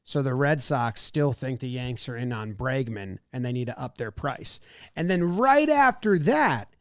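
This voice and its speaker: A man's voice: mid-range voice, sing-song, unhurried, dry recording, studio quality. A man co-hosting a podcast, chatting casually about sports, rambling and second-guessing himself. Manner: rambling, self-doubting, acts out what he thought. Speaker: podcast co-host.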